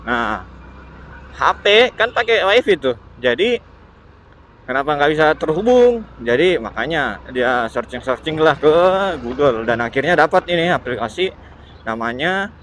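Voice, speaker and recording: This Indonesian man vlogs casually from his motorbike in outdoor traffic, his commentary halting and repetitive as he hunts for words. He speaks in a slightly high voice over poor audio. Steady engine and road noise, plus other motorbikes and vehicles, can be heard.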